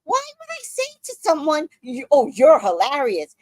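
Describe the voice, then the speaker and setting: A woman in her sixties hosts a podcast, telling a story in a casual, profane and theatrical way. Her voice sits fairly high and swings widely in pitch. The sound is dry, with no room echo. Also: normal speed. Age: 60s. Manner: animated, profane, dramatic storytelling. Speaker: podcast host.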